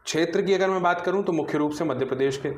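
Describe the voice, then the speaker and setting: A man's voice: a little high, fast, roomy sound, a little hiss or hum. A man teaching an exam-prep grammar lecture, explaining step by step and answering his own questions.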